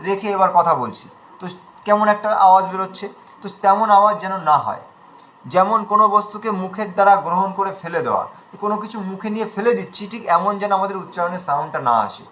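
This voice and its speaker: A man teaching an online class on reciting Sanskrit verse, explaining slowly in a conversational way and chanting lines drawn out between his explanations. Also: high-pitched, pushed and bright, slight background noise, low-quality recording.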